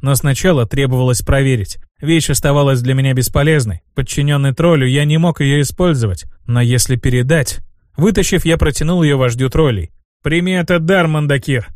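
A man's voice: mid-range voice, a little fast, a little mellow, no echo. A man reading a first-person fantasy audiobook in a wry inner-monologue manner, close to the mic. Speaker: audiobook narrator.

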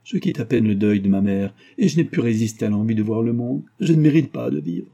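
A man's voice: mid-range voice, expressive, fairly quick, creaky, dark tone. A man voicing a distraught young mother in a read-aloud novel, pleading and anguished.

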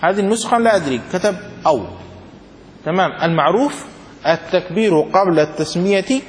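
A man teaching a classroom lesson as a sheikh, reading out a text, then explaining it, repeating phrases and asking if it is clear. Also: high voice, lively intonation, brisk, long reverb tail, a little hiss or hum. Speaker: sheikh teaching Islamic law.

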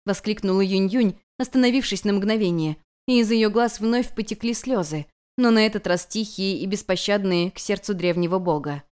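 A woman reading a fantasy story aloud as an audiobook narrator, in an expressive, flowing manner. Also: medium pitch, normal speed, hardly any pauses, smooth.

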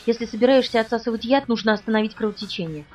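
Casual: woman voicing a calm doctor man in an audiobook, fast and measured. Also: on the high side, recorded from a distance, natural voice. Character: calm, composed male doctor, middle-aged.

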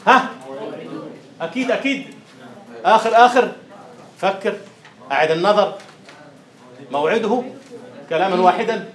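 A man, a university lecturer teaching poetic meter, quizzing students and chanting rhythm syllables. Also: high-pitched. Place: classroom. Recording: roomy classroom echo.

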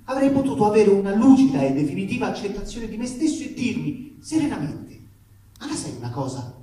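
Reading a letter aloud, a man delivers it as comic theater, full of emphasis, grievance, irony and colloquial swearing. He is an actor with a high-pitched, mellow voice, recorded on a distant mic in an echoey room with faint noise.

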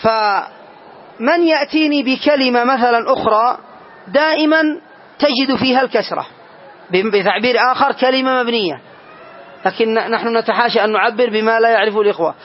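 A man teaching a classroom grammar lesson, quizzing his students and slowly spelling out each example. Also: extremely high pitch. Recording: dull lo-fi lesson recording.

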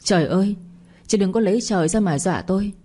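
A woman reading a story, voicing a spiteful young wife who lashes out in shrill accusations. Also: quick pace, mellow, slightly rough, natural voice. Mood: furious. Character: spiteful young wife grieving a lost baby.

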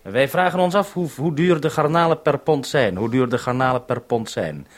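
A radio programme maker acting as base operator uses call procedure in two-way radio talk, repeating phrases so he'll be understood. His voice is medium-pitched, at normal speed.

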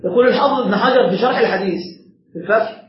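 High-voiced man teaching in an echoey hall. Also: very fast, background noise. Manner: explains step by step, quizzes the seated students. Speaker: sheikh teaching a religious lesson. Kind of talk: classroom lesson explaining a text. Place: lesson room with seated listeners. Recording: echoey room, dull lo-fi sound.

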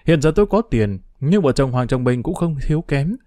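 Man, audiobook narrator, diary-style reading, expressive, mellow dark voice, dry close sound. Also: on the high side, a little fast, no echo. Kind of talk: first-person diary narration of a novel.

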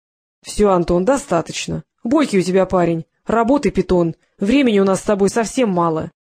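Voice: medium pitch, animated, a little fast, a little mellow. An audiobook reader voicing a menacing man who taunts his captive, in a sneering, mocking manner. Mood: taunting.

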